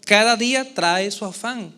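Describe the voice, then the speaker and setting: A man preaching a sermon as pastor to a church congregation, with expressive delivery and frequent questions to the listeners. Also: high voice, a little slow, clean tone. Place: church service before a congregation.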